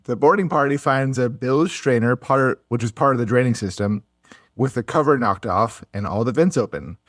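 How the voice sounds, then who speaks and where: A man's voice: mid-range voice, lively intonation, normal speed, no room sound, clean studio sound. A man co-hosting a casual podcast, narrating a history story and breaking into jokes and laughter. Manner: laughs often, jokey asides.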